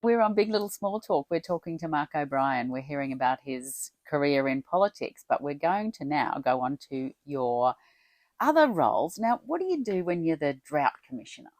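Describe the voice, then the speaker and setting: A woman's voice: low voice, sing-song, moderate pace, a little mellow, no room sound. A woman hosting a podcast interview, responsive and friendly. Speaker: podcast host. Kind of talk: casual interview.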